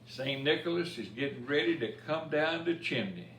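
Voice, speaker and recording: At story time, a man with a voice on the high side reads aloud a children's picture book of Cajun dialect verse, telling it expressively and pausing to point out the pictures. The mic is distant and the room roomy, with faint noise.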